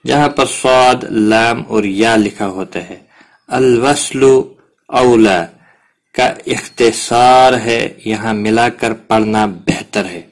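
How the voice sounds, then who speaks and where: A man teaching Quran recitation rules in a patient, step-by-step lesson, giving examples as he goes. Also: fairly low pitch. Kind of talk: explanatory lesson.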